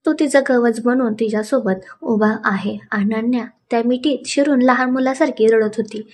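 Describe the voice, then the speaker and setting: A woman reading a romantic serial story aloud in a dramatic, emotive way. Her voice sits a little high, and she leans into the tense moments. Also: moderate pace, darkish tone, slight background noise. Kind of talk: dramatic audio story narration.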